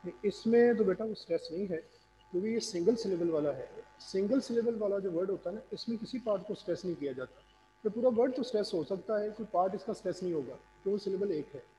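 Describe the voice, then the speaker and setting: A man's voice: sits high, lively intonation, fast, mellow. Man teaching online in a roomy echo. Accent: Pakistani. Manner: patient, quizzes students. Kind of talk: online class lecture. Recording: roomy reverb, faint noise.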